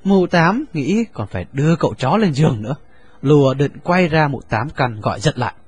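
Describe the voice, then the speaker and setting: Lively, husky male storyteller. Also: on the high side, fairly quick, highs cut off. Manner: expressive, lively reading. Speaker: narrator. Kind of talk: storytelling narration.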